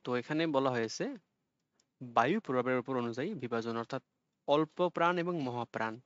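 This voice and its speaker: A man teaching an online exam-prep lesson, explaining patiently and repeating sounds slowly for students to copy. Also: mid-range voice, clear, resonant tone, dry recording, muffled recording.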